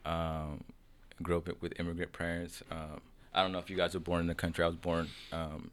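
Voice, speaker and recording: A young man from Sudan, raised in Seattle, talking as a podcast guest in a relaxed, rambling way, full of restarts and "you know what I mean". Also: low voice, brisk. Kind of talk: casual chat.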